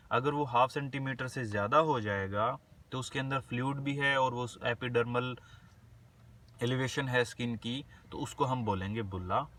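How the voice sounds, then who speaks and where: A man giving a medical lecture. He reads English definitions slowly, then explains them casually in Hindi. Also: mid-range voice, bright, forceful tone, far from the mic.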